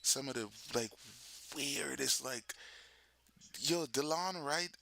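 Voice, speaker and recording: A man's voice: mid-range voice, slow, creaky, sharp tone, no room sound. A man hosting a live watch party, chatting casually with viewers and reacting to the game, loose and full of fillers. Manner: loose with many fillers and restarts. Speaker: livestream host.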